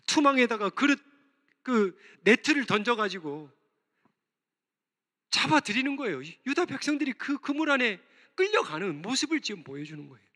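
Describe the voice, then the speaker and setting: A man's voice: extremely high pitch, very animated, moderate pace, sharp tone. A Korean man preaching a sermon as pastor, impassioned, voicing prayers aloud. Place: church sanctuary. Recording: long reverb of a church hall.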